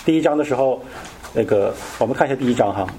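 A man's voice: medium pitch, fast talker, mellow, slight background noise. A man teaching a Bible study in a casual, conversational way, often asking his listeners questions.

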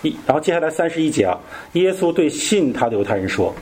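A man's voice: on the high side, big pitch swings, quick pace, a little mellow, breathy edge. A man teaching a Bible study in a casual, conversational way, often asking his listeners questions.

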